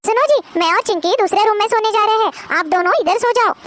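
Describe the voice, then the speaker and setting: A woman's voice: very high voice, fairly quick, slight background noise. A woman voicing an impatient mother in a cartoon, with a scolding manner. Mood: stern.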